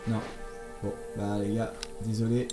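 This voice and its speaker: This let's play host talks over his game in a relaxed, joking way, throwing in playful remarks for his audience. He has a lowish voice that barely moves in pitch, and he speaks at a measured pace. Loud game music fills a roomy-sounding recording.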